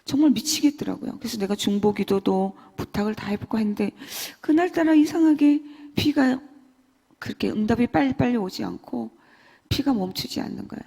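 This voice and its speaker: A woman giving an emotional church testimony, swinging between loud and hushed. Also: fairly high pitch, expressive, brisk, gravelly, slightly rough. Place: church hall. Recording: long church hall reverb.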